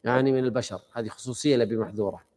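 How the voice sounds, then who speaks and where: Brief: man teacher, quick and conversational, middle pitch, keeps quizzing the class. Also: fairly even intonation, darkish tone. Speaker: teacher of a study circle. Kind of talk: explaining a classical text to students.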